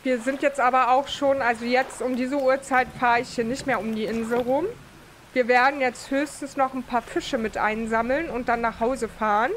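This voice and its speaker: A woman's voice: on the high side, fairly even intonation, normal speed, slight background noise. A woman hosting a let's play, giving casual gameplay commentary and thinking aloud with fillers.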